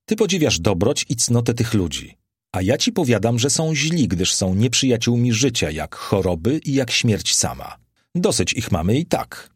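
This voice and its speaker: A man's voice: fairly low pitch, slightly rough, no echo, studio quality. A man voicing a worldly, ironic Roman aristocrat who speaks in a languid, wry, philosophizing way. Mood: scornful.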